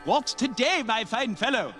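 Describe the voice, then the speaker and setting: An actor playing a giddy, reformed old miser who cackles and giggles breathlessly in a film. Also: male voice, extremely high pitch, animated, normal speed, sharp tone, soft background music, heavily acted. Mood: elated. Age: older. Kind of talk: film acting. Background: film score.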